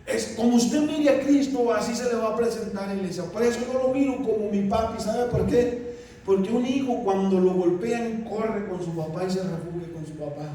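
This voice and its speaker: A man's voice: high voice, normal speed, warm tone. Man, pastor, preaching, emphatic, very echoey hall, faint background hiss. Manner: emphatic, addresses the congregation as "iglesia". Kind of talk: sermon. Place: church hall. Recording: echoey hall, distant mic, faint noise.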